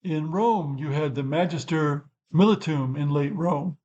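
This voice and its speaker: Older man musing, higher-pitched voice. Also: a little slow, darkish tone, highs cut off. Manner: rambling and thoughtful, self-correcting asides. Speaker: channel host. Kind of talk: unscripted explanatory talk.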